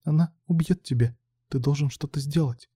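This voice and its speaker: A man voicing a frightened young woman who pleads in a hushed voice. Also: mid-range voice, brisk, no echo, studio quality, pitched above the performer's own voice, lightly acted. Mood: pleading.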